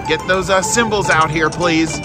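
A man giving casual, excited gambling commentary as a slot video host, coaxing the machine aloud and repeating short phrases. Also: a little high, moderate pace. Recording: loud machine music behind. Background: loud slot machine music.

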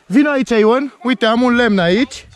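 A man from Romania filming a casual family vlog outdoors in the mountains, teasing his kids and showing them how to do things in a fatherly way. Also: very high-pitched. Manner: playful, teasing, fatherly instructing.

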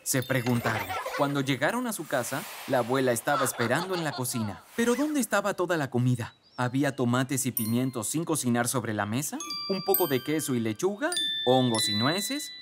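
A storyteller reads a children's story with a lively, animated voice that rises and falls a lot, sitting at mid pitch. Clear music plays underneath the narration. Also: a little fast, few pauses. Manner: lively, expressive storybook reading. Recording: music playing behind.

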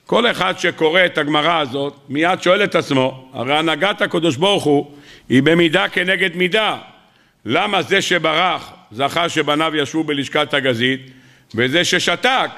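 Animated rabbi with a gravelly, bright voice. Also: male voice, fairly high pitch. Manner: animated, asks rhetorical questions and answers them, acts out quoted voices. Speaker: rabbi giving weekly Torah sermon. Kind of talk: sermon. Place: lecture hall.

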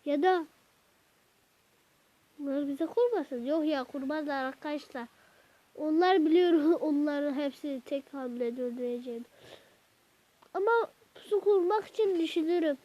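A woman hosting a gaming channel, chatting to her viewers while she plays, with sudden excited outbursts at the game. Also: high-pitched, measured pace, pauses often. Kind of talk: let's-play gameplay commentary. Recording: dull lo-fi recording.

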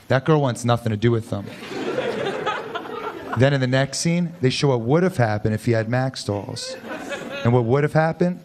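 A man in his thirties doing a dry, deadpan stand-up set on a club stage, speaking into a handheld mic. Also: mid-range voice, moderate pace, long pauses. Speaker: stand-up comedian. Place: comedy club stage before a live audience. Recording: loud club crowd and noise. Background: loud audience laughter.

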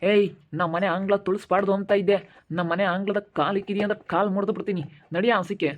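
A woman's voice: lowish voice, steady tone, fast, phone-quality sound, close to an everyday voice. A woman playing an angry, stern middle-aged village father who scolds and insults. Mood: furious. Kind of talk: village family drama acting.

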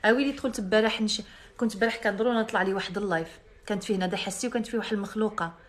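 A woman's voice: medium pitch, very fast. A young woman with a Moroccan Arabic accent, hosting a live stream in a brash, mocking and boastful way. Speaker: live-stream host selling products.

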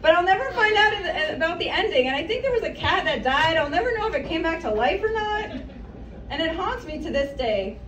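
Very high-pitched and very animated, with a brisk pace and fairly bright tone, this stand-up comic in her thirties rambles through chatty, self-deprecating asides on a small café stage. The café recording is roomy, distant and noisy, captured from across the room with her mic on a stand.

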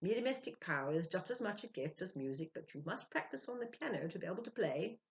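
Acting out a pompous, sincere medium in a storybook reading, an older female narrator delivers his eager, emphatic self-justifications with animated swings. She speaks fast, in a fairly low pitch raised above her own natural voice, on a slightly muffled home recording.

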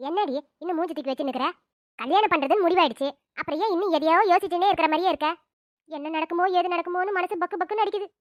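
A woman voicing shrill, fast-talking village women. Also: no room sound, studio quality. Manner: quick, scolding, dramatic wailing. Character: middle-aged village women, mothers and grandmother. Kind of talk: Tamil cartoon voice acting.

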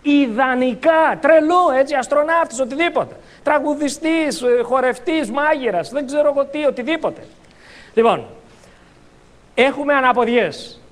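A high-voiced Greek man speaks at a motivational seminar in a lively coaching style. He jokes with the crowd and acts out short scenes. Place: conference hall.

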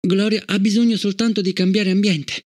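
Un uomo che dà voce a una madre rigida e fredda in un racconto letto, dal tono deciso e un po' acuto. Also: male voice, high voice, steady tone, a little fast, a little mellow, pitched above the performer's own voice, lightly acted. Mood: cold firm. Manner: firm and cold. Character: stern, proud middle-aged mother.

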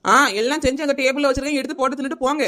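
A woman's voice: high voice, little pitch movement, rapid-fire, close to an everyday voice. [name], a woman voicing a nosy village woman. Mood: chatty. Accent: Kanyakumari Tamil. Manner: chatty, meddling. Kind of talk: cartoon comedy voice acting.

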